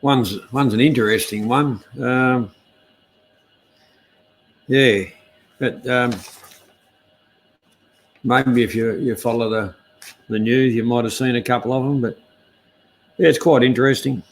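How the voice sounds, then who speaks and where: A man's voice: mid-range voice, steady tone, unhurried, pauses often, low-quality recording. An Australian man hosting a casual live stream news chat, speaking in a laconic, hesitant, easygoing outback drawl.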